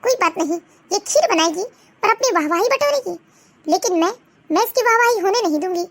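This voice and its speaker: A woman's voice: very high voice, lively intonation, fairly quick, voice pushed down. A woman voicing a jealous, scheming young sister-in-law in a cartoon, sneering and spiteful. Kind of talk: Hindi cartoon voice acting.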